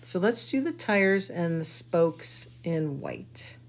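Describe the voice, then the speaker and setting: A woman's voice: on the low side, sing-song, slow, gravelly. A woman giving a chatty, folksy live craft tutorial and talking to her viewers as she works. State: hiccuping. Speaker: craft demonstrator.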